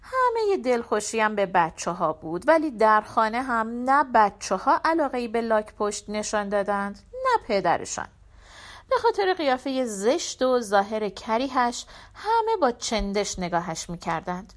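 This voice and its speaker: A woman narrating a first-person short story in a reflective, expressive reading style. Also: fairly high pitch. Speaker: audiobook narrator.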